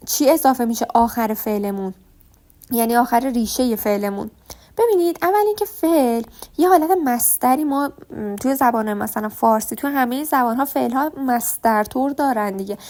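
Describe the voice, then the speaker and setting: A woman teaching a beginner language lesson with a fairly high but soft, mellow voice. She explains patiently, one step at a time, and says each sound slowly more than once so learners can follow.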